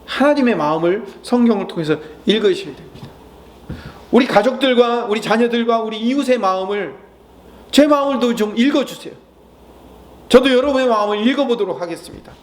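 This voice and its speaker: A man preaching a Sunday sermon as pastor, asking the congregation questions and answering them, dropping to a soft, gentle tone for comforting words. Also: very high voice, expressive, a little fast.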